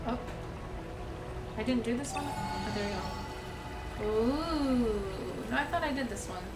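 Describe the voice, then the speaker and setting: A woman's voice: a little high, normal speed, distant mic. A woman, an actress, chatting casually and playfully while playing a video game with a friend and bursting into song now and then. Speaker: actress and guest gamer. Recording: roomy sound, off mic, music behind.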